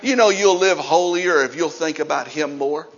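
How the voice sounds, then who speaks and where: A man preaching a sermon in a church, emphatic and at times close to shouting. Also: fairly high pitch, moderate pace. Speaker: pastor. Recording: dull lo-fi sound in a reverberant hall.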